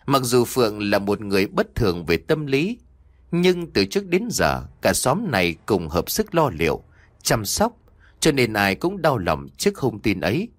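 A man's voice: lowish voice, huge pitch swings, moderate pace, no echo. A man narrating a scripted horror story in a dramatic, ominous storytelling manner.

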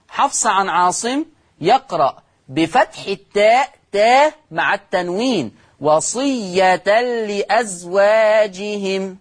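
A middle-aged man with an Egyptian Arabic accent, teaching Quran recitation in a televised religious lesson and drawing out words slowly to demonstrate how they are pronounced. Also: high-pitched, fairly bright tone.

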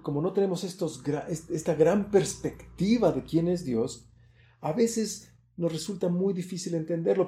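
A man preaching a sermon, earnest and emphatic, his voice rising louder and higher on key points. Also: reverberant.

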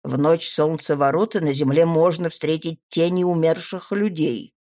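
A woman voicing a disheveled male wizard mentor who speaks softly and insinuatingly. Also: low voice, fairly even intonation, moderate pace, dry recording, clean studio sound, close to an everyday voice. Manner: soft, insinuating.

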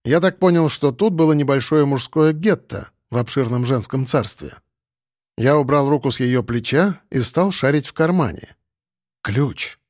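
A man narrating a first-person audiobook in a wry, lively way. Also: mid-range voice, moderate pace, no room sound, clean studio sound.

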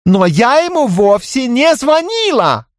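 A man voicing a sulky, offended young woman who whines indignantly, slow and tipsy, in an audiobook. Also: very high-pitched, very animated, no room sound, clean studio sound, voice pushed up, heavily acted. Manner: whiny, indignant, slowed.

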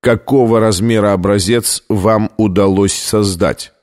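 A man's voice: lowish voice, steady tone, a little slow, darkish tone, close to an everyday voice. A man voicing a stern, ailing male lab director who speaks in a tense, clipped way in an audiobook.

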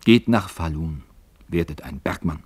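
A man's voice: low voice, lively intonation, measured pace, a little mellow, husky, no echo, pitched below the performer's own voice, heavily acted. A man voicing an old miner who gives earnest counsel and flares up in anger. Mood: persuasive. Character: old male miner, wise, persuasive, quick to anger.

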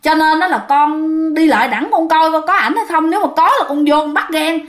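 A woman's voice: sits high, brisk, pitched above the performer's own voice, close to an everyday voice. A woman voicing a frightened, suspicious young wife.

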